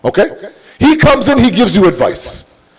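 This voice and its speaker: A high-voiced man preaches conversationally with huge pitch swings at a normal speed, a crowd audible behind him on a rough recording. His sermon is emphatic and full of rhetorical questions, everyday examples and acted-out dialogue, and he mixes English with Urdu and Arabic phrases.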